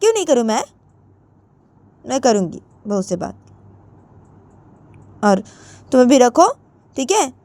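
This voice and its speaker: Brief: woman doing defiant mother, raised high pitch, storybook voice, mellow. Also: big pitch swings, takes it slowly, long pauses. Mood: stubborn defiant. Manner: defiant, repeating refusals. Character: stubborn middle-aged mother, quarrelsome.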